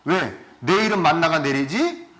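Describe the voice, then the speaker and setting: A male pastor giving a sermon, asking his congregation questions and swinging between loud and soft. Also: on the high side, expressive, measured pace. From South Korea. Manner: asks the congregation questions often.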